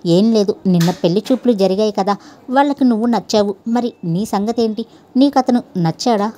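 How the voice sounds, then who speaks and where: Brief: woman reading as a soft-spoken, caring older lady of the house; mellow, warm tone, storybook. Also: mid-range voice, moderate pace, lightly acted. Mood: gentle coaxing. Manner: soft, coaxing. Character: kind older mistress of a house, gentle and concerned.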